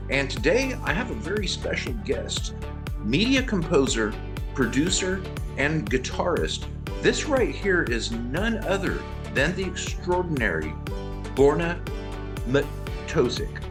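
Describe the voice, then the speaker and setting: A man's voice: fairly high pitch, big pitch swings, unhurried, over music. A man hosting an interview, upbeat and chatty, with lots of short replies like "okay". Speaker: host.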